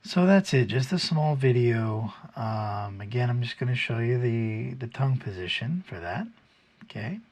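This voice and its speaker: A man with a standard American accent giving an informal pronunciation lesson, explaining patiently and haltingly step by step, with a slightly husky, gravelly voice. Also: mid-range voice, animated, a little mellow. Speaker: pronunciation teacher. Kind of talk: informal instructional video, demonstrating English sounds.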